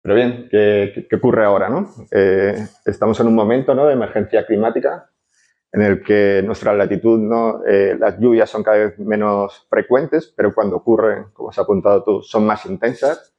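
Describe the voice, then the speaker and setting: An architect from Barcelona lectures to a conference audience in a fairly low, steady voice at a moderate pace. He sounds hesitant, full of fillers and tag questions, and the conference audio is dull and lo-fi.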